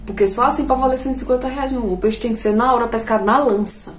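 A woman doing a comic storytelling monologue, animated and jumping to shrill outbursts when she quotes herself. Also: very fast, a little hiss or hum. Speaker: comedian. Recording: echoey room.

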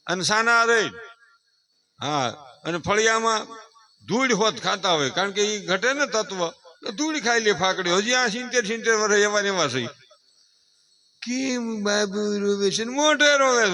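A man's voice: high voice, sharp tone. A middle-aged man giving a folksy moral talk to an audience, playfully acting out family voices and rising into emphatic declamation. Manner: playful, acts out voices of mothers and family members. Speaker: folk speaker addressing an audience.

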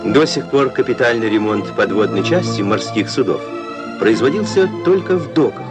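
A man's voice: on the low side, animated, normal speed. A man giving a formal, declamatory voice-over for an old newsreel. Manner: formal, declamatory announcer delivery. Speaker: newsreel narrator. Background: newsreel music under the voice.

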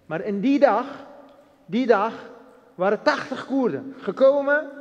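This personal testimony interview features an Iraqi man with a high voice, speaking slowly and expressively as a guest. He recounts events earnestly in broken Dutch, acting out the exchanges. The recording has its highs cut off and a long hall reverb.

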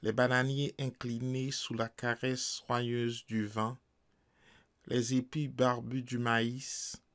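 Slow, measured male audiobook narrator. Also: medium pitch, level tone, a bit bright. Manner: slow, measured, deliberate reading. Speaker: audiobook reader.

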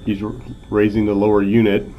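Older man, low and mellow, relaxed vlog narrator with lots of fillers, recorded on a phone with a faint hiss. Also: fairly quick, muffled recording. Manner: easygoing, frequent "uh" fillers. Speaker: channel host, accountant. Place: in a car, then voice-over.

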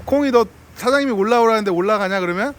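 High-voiced man coaxing dogs playfully. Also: fast talker. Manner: coaxing, playful, laughs often, talks to dogs like friends. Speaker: delivery driver vlogger. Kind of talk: casual talk to dogs and owner.

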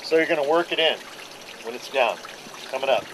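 A middle-aged fishing boat captain speaks in a mid-range, fairly quick voice, giving a charter group a practical, plain-spoken briefing on the deck of a docked boat. It's picked up by a camera mic a few feet away, outdoors, with clear background noise.

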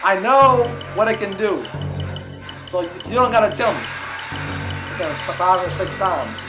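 A man giving live gameplay commentary, excitable, swearing a lot and yelling at the game. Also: high-pitched, moderate pace, poor audio. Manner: loud, laughing outbursts. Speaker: gaming channel host. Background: faint game music and sounds.

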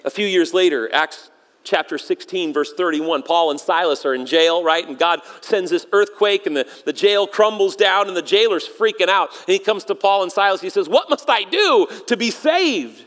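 A high-pitched male pastor preaching in a church sanctuary, his voice trailing into a long hall reverb. He drives his points with emphasis, then drops low and soft for solemn lines. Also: moderate pace. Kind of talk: sermon.

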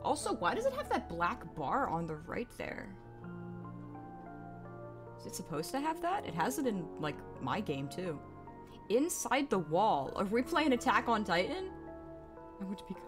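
A woman's voice: mid-range voice, sing-song, a little slow, long pauses. A woman streaming a video game, chatting casually, giggling and joking to herself as she plays. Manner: chatty, giggly, self-mocking asides. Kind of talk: casual gameplay commentary. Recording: game music behind the voice. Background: game soundtrack music.

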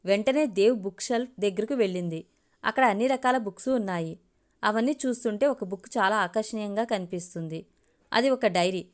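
A woman narrating a family story for an audio storybook in a steady, measured reading. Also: mid-range voice.

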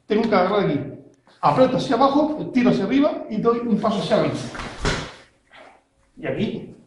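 High-voiced man teaching self-defense. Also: sing-song, a little fast, darkish tone, slight background noise. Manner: explains step by step, checks in constantly with the learner. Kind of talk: hands-on technique demonstration. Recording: very echoey room.

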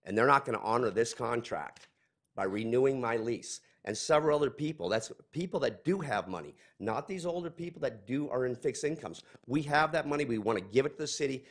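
At a podium mic in a large council chamber, a man in his forties with a mid-range voice delivers a heated, accusing public comment.

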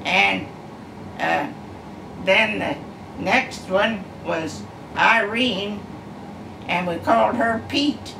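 A gravelly, medium-pitched voice belongs to a woman in her nineties casually telling family stories at home, slow and rambling with many pauses and uhs. She sits in an armchair, recorded by a camera across the echoey living room with a hum behind her.

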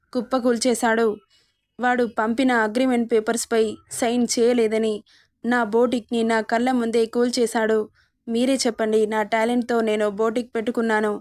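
A woman's voice: fairly high pitch, darkish tone, no room sound, clean studio sound, lightly acted. A woman voicing an anguished, furious young woman. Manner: crying out angrily while sobbing. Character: young woman, distraught, furious boutique owner. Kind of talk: dramatized storytelling.

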